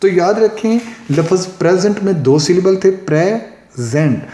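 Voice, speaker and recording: A man's voice: sits high, moderate pace, mellow, slight background noise. Man teaching in an echoey room. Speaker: English teacher. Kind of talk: classroom lesson explaining poetic meter.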